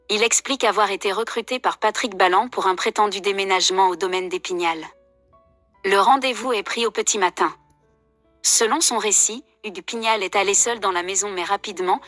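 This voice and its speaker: A woman's voice: mid-range voice, a bit bright, no room sound. Female true crime narrator, scripted and journalistic, mid-range voice, close dry sound over music.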